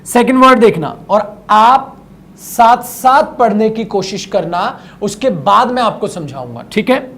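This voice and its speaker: A male teacher giving an online vocabulary lesson, coaxing students to read along, repeating words and slowing down for English phrases. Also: high voice, expressive, fairly bright tone. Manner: slows right down when speaking English phrases.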